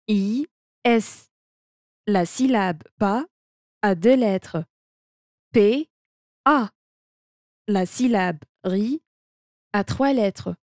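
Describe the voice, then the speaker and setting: A woman reading a language textbook aloud, with both the teacher's and the students' lines in a deliberate manner that also speaks out the notation. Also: medium pitch, dark tone, dry recording, clean studio sound. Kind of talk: slow textbook read-aloud.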